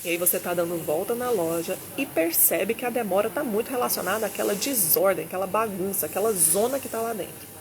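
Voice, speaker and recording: A woman's voice: mid-range voice, brisk, few pauses, crowd noise. A woman, a business consultant giving a teaching talk into a Bluetooth mic, acting out both sides of her anecdotes. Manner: animated storyteller, voices both sides of dialogues.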